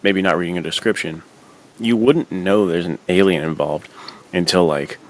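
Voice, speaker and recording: A man co-hosting a podcast chats casually about films in a low-pitched voice at normal speed. His talk is slangy and buddy-like, full of "dude" and "like."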